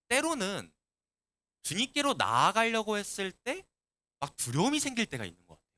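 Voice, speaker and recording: A man who is a youth pastor, giving a sermon to middle schoolers and asking them many questions in a lively, animated way. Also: sits high, dry recording. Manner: asks the students many questions.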